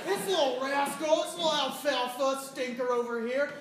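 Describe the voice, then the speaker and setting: High-voiced woman for stage improv, indignant and quick, recorded from afar in an echoey hall. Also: a loud crowd, heavy background noise. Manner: indignant, bickering, quick comebacks. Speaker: improv performer. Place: large theatre stage. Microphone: far room mic. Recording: echoey theatre from afar with audience. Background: audience laughter.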